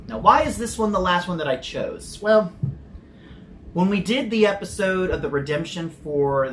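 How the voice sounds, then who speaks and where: A soda reviewer with a fairly high, slightly bright voice talks casually on his channel. He's chatty, drifts into rambling tangents, swears now and then, and has no regional accent; there's a little background noise.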